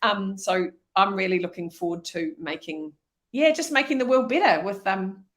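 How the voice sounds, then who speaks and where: Energetic New woman guest. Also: medium pitch, normal speed. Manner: energetic, animated storytelling. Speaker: interview guest, leadership speaker. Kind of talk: conversational interview.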